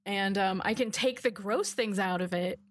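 A woman co-hosting a podcast in casual chat, animated, laughing often and swearing freely, recorded over a Skype call. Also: mid-range voice, normal speed, no room sound, clean studio sound. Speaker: podcast co-host.

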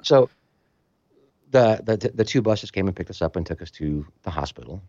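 A man telling a story in casual conversation, animated and acting out other people's voices, in a slightly muffled recording. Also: low voice, moderate pace, no echo. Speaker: storytelling guest musician.

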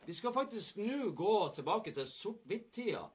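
Man host, husky, animated pitch, fast casual banter. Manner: lively, joking, hurried at times. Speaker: podcast host. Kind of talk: casual sports talk show.

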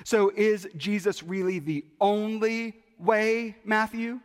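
Skeptical older church elder, persistent, voiced by a high-pitched male preacher in an echoing hall. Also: fairly even intonation, slow. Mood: pressing. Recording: long hall reverb.

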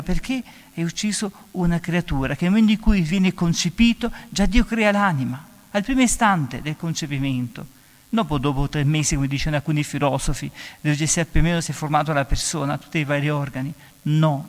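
A man, a priest, giving an emphatic homily, raising his voice on key phrases. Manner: emphatic preaching, often rising in pitch and volume on key phrases. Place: church. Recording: long reverb of a church.

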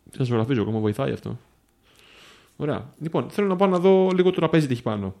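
A man's voice: medium pitch, expressive, creaky, a little mellow. A man playing a mystery game as a guest, thinking aloud and asking curious questions about the room. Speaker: player guest.

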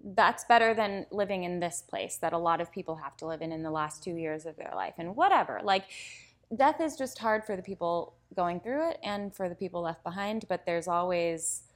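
A woman chatting casually and openly about her family, with a lively storytelling manner. She acts out other people's lines as she goes. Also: lowish voice, normal speed. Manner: candid storyteller, animated impressions. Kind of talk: casual chat.

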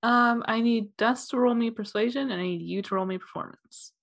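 A woman's voice: on the high side, a little fast, creaky, slight background noise. A woman as game master of a tabletop role-playing game, narrating and voicing characters with frequent laughs.

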